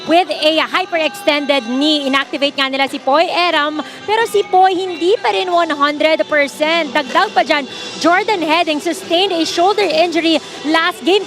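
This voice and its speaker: High-pitched Filipino woman, sports reporter. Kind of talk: live injury report.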